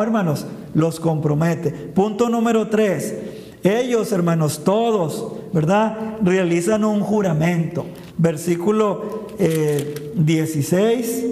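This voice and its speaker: A high-pitched man delivers a sermon, returning to a brotherly address between phrases and reading verses aloud. His tone is mellow rather than bright. The sound carries the long, roomy reverb of a church hall. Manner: addresses listeners as "hermanos" constantly; reads scripture verses aloud. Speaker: preacher.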